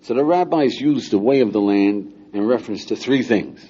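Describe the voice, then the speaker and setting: A man's voice: on the low side, moderate pace, dark tone, slightly rough. An older man, a rabbi, teaching a class of young men in a conversational, teasing way, often stopping to ask his listeners questions. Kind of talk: informal lecture to students. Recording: dull lo-fi lecture recording with faint hiss.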